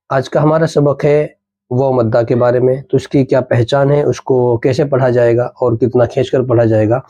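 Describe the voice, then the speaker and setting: A man who teaches Arabic, giving a Quran reading lesson that switches from brisk explaining to slow, drawn-out letter drills. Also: mid-range voice, mellow, no room sound, muffled recording.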